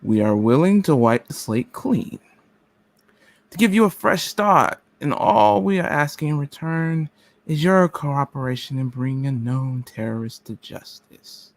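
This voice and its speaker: A man reading a cold, menacing government agent in a radio play, speaking slowly, deliberately and formally. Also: on the high side, no echo. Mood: measured, formal.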